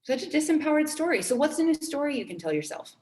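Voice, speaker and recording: A woman's voice: sits high, sing-song, fast talker, darkish tone, reverberant. A woman in her twenties giving a motivational talk to her team, earnest and upbeat, repeating key phrases for emphasis. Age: 20s. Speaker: team trainer.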